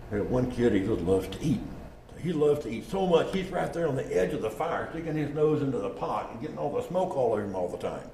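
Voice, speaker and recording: A man lectures quickly and informally about genealogy and naming, his mid-range, mellow voice full of lively intonation. He acts out little dialogues in a conversational style, and the recording carries a roomy echo and faint noise.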